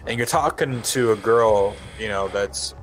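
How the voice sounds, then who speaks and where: A man's voice: lowish voice, a little slow, crowd noise. A young man co-hosting a casual podcast, rambling with many fillers and some swearing. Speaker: podcast co-host.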